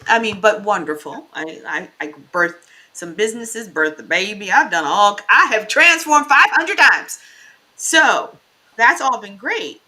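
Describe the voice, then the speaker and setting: Bright, effusive woman telling stories. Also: mid-range voice. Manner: animated, effusive storyteller. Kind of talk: casual business talk show chat.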